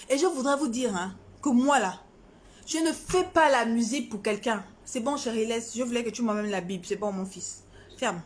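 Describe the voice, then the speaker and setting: A high-pitched woman from Gabon speaks straight to her audience in a heated rant. She is defiant and confrontational, hammering her points again and again. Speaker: singer. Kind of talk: heated social media rant.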